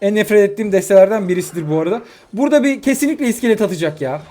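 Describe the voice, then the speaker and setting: A young man giving live commentary on his own mobile game matches, excitable and quick to vent frustration at his opponents. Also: high voice. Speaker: gaming YouTuber. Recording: faint music behind.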